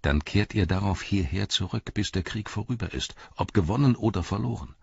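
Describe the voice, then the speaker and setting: A man voicing a young warrior prince who speaks in a hushed, urgent way with a husky voice. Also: sits low, animated, fairly quick, dry recording, highs cut off, full character voice.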